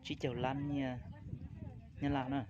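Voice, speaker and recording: A man's voice: medium pitch, flat delivery, unhurried, a little mellow. A man talking casually and loosely, rambling from one point to the next. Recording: muffled recording with crowd noise. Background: crowd chatter.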